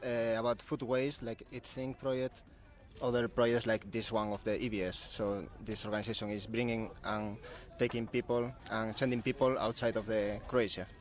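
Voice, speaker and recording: A man's voice: medium pitch, level tone, normal speed. A man in his late twenties from Asturias with a Spanish accent, searching for words as he answers interview questions. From Asturias, Spain. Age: late 20s. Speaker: guest volunteer.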